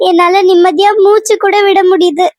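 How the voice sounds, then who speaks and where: A woman's voice: very high voice, fairly even intonation, normal speed, no room sound. A woman doing a wailing, grieving village mother. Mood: relieved. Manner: sobbing, repetitive lament. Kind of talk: cartoon serial voice acting.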